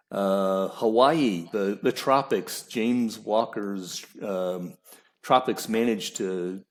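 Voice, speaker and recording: A man hosting a casual podcast chat, relaxed and hesitant, with many fillers. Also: on the low side. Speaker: podcast host.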